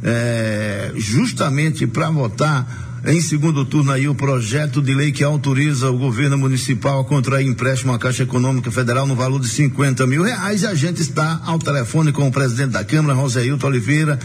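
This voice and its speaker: A man's voice: medium pitch, brisk, a little hiss or hum. A man hosting a local radio news show and conversationally interviewing a guest. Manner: conversational, leading a phone interview. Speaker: radio host.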